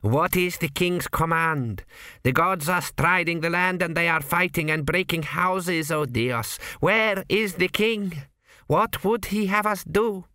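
A man playing a fretful, pompous high priest. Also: unhurried, bright, forceful tone, no echo, studio quality. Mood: anxious. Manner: pleading, declamatory.

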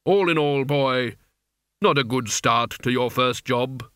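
A man voicing Death as a cold, imperious male reaper who speaks slowly and with measured command in an audiobook. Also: mid-range voice, fairly bright tone, clean tone, no echo, studio quality.

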